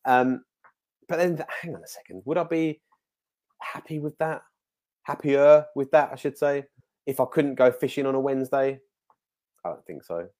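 A man's voice: mid-range voice, normal speed, long pauses, darkish tone. A British man chatting casually in a blokey, plain-spoken, self-questioning way. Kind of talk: casual chat.

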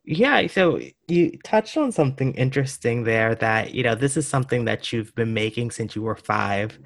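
With an animated, medium-pitched voice at normal speed, a podcast host reads a scripted show opening and then interviews a guest in an upbeat, enthusiastic way.

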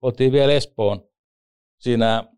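A man, an ice hockey referee and former league player, telling lively joking anecdotes in a casual interview. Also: mid-range voice, clear, resonant tone.

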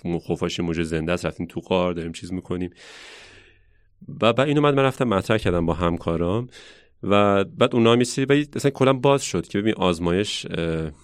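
A man who works as a science educator, telling stories in a relaxed conversational way and thinking aloud as he reflects. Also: sits low, clear, resonant tone, no echo, clean studio sound. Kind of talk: casual conversational storytelling.

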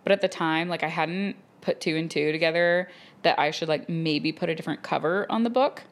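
A young woman co-hosting a podcast, telling a story in casual chat, animated and laughing often. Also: deep voice, fairly quick. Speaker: podcast co-host. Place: Dallas.

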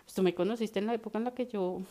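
A woman's voice: medium pitch, racing. A woman with a Colombian accent, co-hosting a casual podcast chat and telling personal stories animatedly. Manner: animated storytelling. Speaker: podcast co-host.

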